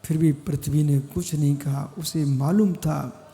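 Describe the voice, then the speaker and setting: A man, a Jain monk, preaching a sermon, speaking slowly and with emphasis, repeating phrases and calling on listeners by name. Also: fairly high pitch, fairly even intonation, creaky, warm tone, in a large hall.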